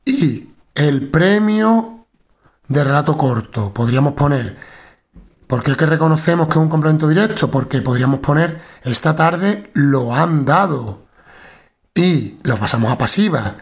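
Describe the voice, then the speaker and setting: A man's voice: on the high side, lively intonation, a little slow. A male teacher walking students through a syntax lesson in an explanatory tone, often checking in with "¿vale?".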